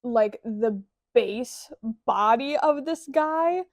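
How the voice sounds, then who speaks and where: A woman's voice: on the high side, expressive, drawn-out words, no room sound. A young woman chatting casually in a vlog, bubbly and rambling, joking at her own expense. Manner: bubbly, rambling, self-deprecating humor. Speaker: crochet vlogger.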